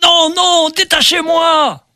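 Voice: high voice, big pitch swings, takes it slowly, bright, forceful tone, dry recording, studio quality, full character voice. A performer playing a tormented sea captain tied to the mast, pleading in desperate outbursts in an amateur radio play.

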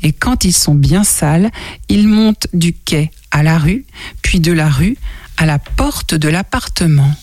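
Expressive woman reading a children's story. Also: sits low, measured pace, no echo, studio quality. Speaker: storybook reader.

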